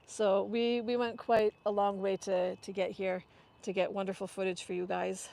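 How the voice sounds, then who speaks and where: A woman's voice: medium pitch, flat delivery, moderate pace, vocal fry, a little mellow. A woman hosting a casual live tour outdoors on a windy hilltop, rambling with many fillers while her mic crackles and cuts out. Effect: mic cutting out with crackly dropouts. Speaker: livestream host. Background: faint wind noise.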